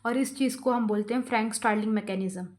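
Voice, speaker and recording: A woman's voice: fairly high pitch, darkish tone. A young woman giving a medical lecture, mixing in English terms and checking in often with listeners. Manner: explanatory, frequent "theek hai" check-ins, slows for English terms. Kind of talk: explaining lecture, Hindi-English code-switching.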